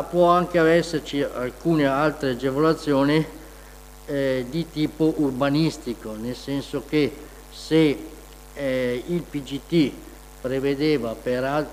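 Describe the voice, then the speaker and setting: A man speaking through a face mask, giving a halting, formal technical explanation as an engineer at a council meeting. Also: mid-range voice, darkish tone. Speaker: municipal engineer presenting to a town council. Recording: noisy, reverberant meeting hall.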